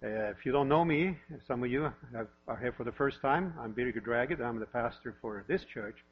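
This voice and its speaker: A man's voice: mid-range voice, a little fast, slightly rough. A pastor in his fifties, originally from Norway, gives a sermon in a church with light self-deprecating humor, asking the same questions again and again. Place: church sanctuary. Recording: lo-fi with mains hum.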